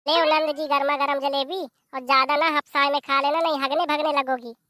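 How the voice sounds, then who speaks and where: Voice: sits high, flat delivery, fairly quick, pushed and bright, no room sound, clean studio sound. A performer voicing a tart, sarcastic young daughter-in-law.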